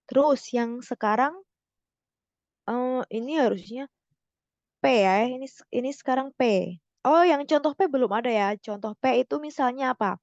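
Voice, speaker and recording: A young woman tutoring online in a casual way, correcting herself and slowly stressing example words. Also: high-pitched, a little mellow, dry recording, lo-fi sound. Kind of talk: explaining grammar lesson.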